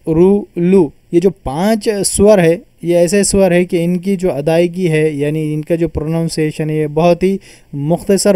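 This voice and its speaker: A man's voice: fairly high pitch, dark tone, clean tone, dry recording, studio quality. A man teaching a grammar lesson, patiently explaining and repeating terms as he sounds them out.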